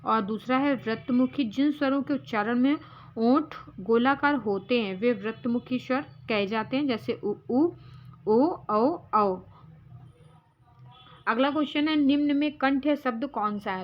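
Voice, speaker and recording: A woman's voice: on the high side, normal speed, lo-fi sound. A woman teaching as an exam prep tutor, going through quiz answers step by step and calling her viewers friends.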